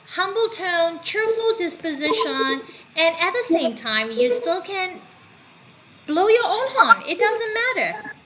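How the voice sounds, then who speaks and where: Lively high-voiced woman teacher. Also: slight background noise, poor audio. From Myanmar. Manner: animated, asks students questions, switches into Burmese. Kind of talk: classroom lesson.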